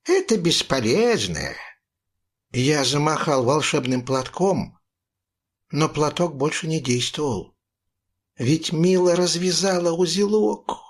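A man reading a children's story aloud in a slow, expressive way. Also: a little high. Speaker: narrator.

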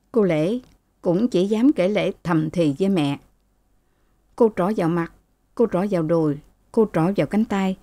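A woman narrating a novel for a late-night radio reading, calm and even. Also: lowish voice, dry recording. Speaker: audiobook narrator.

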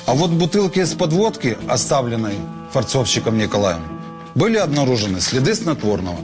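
A brisk policeman reporting evidence, played by a male actor, talks quickly with animated pitch. It is a crime drama scene with clear music behind. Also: natural voice. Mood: brisk, informative. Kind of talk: screen crime drama acting.

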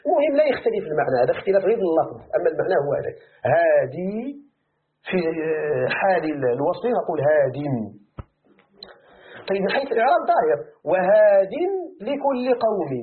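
A Moroccan-accented man with a high voice gives a brisk classroom tafsir lesson on the Quran. He's animated, firing rhetorical questions at his students and answering them himself. The recording sounds tinny, as if from a phone.

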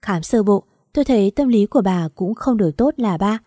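A woman voicing a middle-aged male doctor who talks in a brisk, stern way. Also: medium pitch, expressive, mellow, dry recording, clean studio sound, lightly acted. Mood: matter-of-fact.

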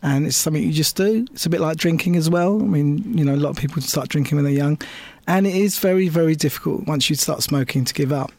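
A man's voice: a little high, darkish tone, no room sound. A man giving careful, hedged views in a radio studio discussion. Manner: measured, hedging, full of fillers. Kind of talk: casual studio debate.

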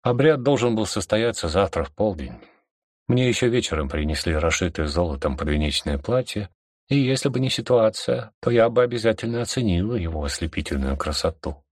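A man narrating an audiobook in a steady, measured way. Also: on the low side, slightly rough, no room sound, studio quality.

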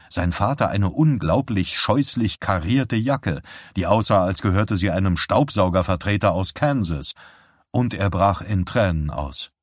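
A man reading an audiobook as narrator, calm and measured. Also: deep voice, no room sound, clean studio sound. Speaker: audiobook reader. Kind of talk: scripted narration.

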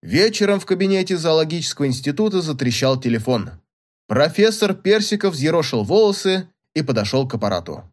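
A man narrating classic prose as an audiobook, telling the story in an expressive, dramatic way. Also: on the high side, fairly quick.

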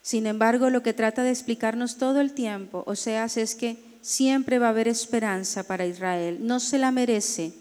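A woman pastor teaches a Bible class, her fairly high voice measured and emphatic. She slows down to spell out names and stresses key points. A long reverb trails behind her, as in a large hall. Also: a little mellow.

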